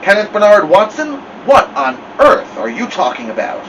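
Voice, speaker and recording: A man's voice: high voice, wildly swooping pitch, moderate pace, vocal fry, a bit bright, recorded from a distance, a little hiss or hum, voice pushed up, full character voice, low-quality recording. A worried mother with a Southern US accent speaks tenderly and anxiously, as a man reading aloud puts her on. Her voice sits a little raised and moves freely. The mic is set back, and an air conditioner hums throughout.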